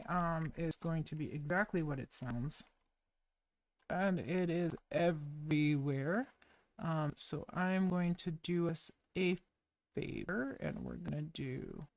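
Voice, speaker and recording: A woman talking herself through her code on a live stream, in an unhurried drawl with a gravelly, creaky edge. She mutters each step as she types and drops wry, casual asides. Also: deep voice, a little mellow. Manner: slow, muttering, self-narrating while typing code. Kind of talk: thinking-aloud coding stream.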